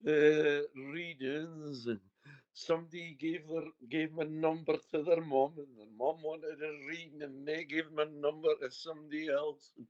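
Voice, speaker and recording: Man, broad Scottish accent, slightly high voice, informal bantering medium, casual consultation, dry but muffled recording. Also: level tone, normal speed, darkish tone, no echo. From Scotland. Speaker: spirit medium giving a private reading. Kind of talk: casual chatty one-to-one consultation. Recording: dull, muffled lo-fi sound.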